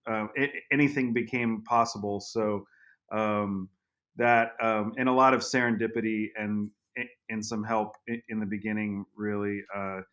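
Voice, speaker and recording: A man speaking as a guest on a podcast, telling a story in halting speech with many restarts. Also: on the low side, fairly even intonation, a bit bright. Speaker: guest, vineyard owner. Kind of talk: casual interview.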